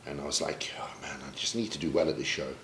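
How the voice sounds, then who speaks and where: Deep-voiced British bodybuilder, frank and emotional, in an echoey room. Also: male voice, fairly even intonation, quick pace, fairly bright tone, slight background noise. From Britain. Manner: emotional, reflective, swears casually. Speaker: pro bodybuilder guest. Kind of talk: candid sit-down interview. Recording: roomy echo, faint ambience.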